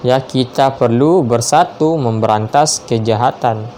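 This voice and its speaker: Guy slowly reading out quiz options and answers, mid voice, bit of faint hiss behind. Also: mid-range voice, darkish tone. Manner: measured, spells out each option, confirms answers with "ya". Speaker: teacher reading quiz questions. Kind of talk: slow quiz read-aloud with answers.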